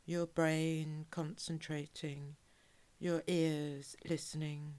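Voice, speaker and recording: A woman guiding a relaxation hypnosis in a calm, measured, soothing way, with soft, breathy phrase endings. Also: low voice. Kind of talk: guided relaxation hypnosis, soothing scripted narration.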